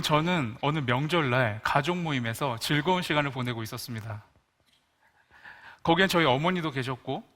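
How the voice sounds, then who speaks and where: Man, pastor, storytelling sermon, fairly high voice, crisp bright tone, joking with listeners. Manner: animated storyteller who jokes with the congregation.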